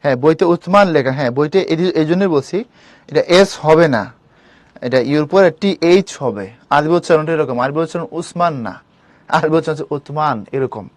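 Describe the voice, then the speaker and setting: A man's voice: a little high, expressive, moderate pace, dry recording. Dry-voiced male teacher. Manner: explains patiently, asks students questions. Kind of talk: live online class lecture.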